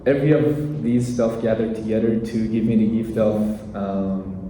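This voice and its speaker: A young man from Iran giving an earnest, halting short speech as a student at an event. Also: lowish voice, dark tone, a little hiss or hum. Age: young adult. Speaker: international student speaker. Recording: very echoey room, mic far off.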